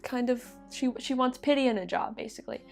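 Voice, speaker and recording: A woman's voice: on the high side, brisk, gravelly, a little mellow, faint music behind. A young woman casually retelling a myth to a friend, chatty and laughing, with many fillers. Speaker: podcast co-host retelling a myth. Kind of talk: casual storytelling chat.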